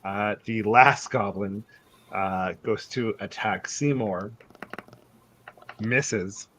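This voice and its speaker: Low-voiced man running a tabletop game. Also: very slow, fairly bright tone, slight background noise. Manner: laughing often, many fillers. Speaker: game master.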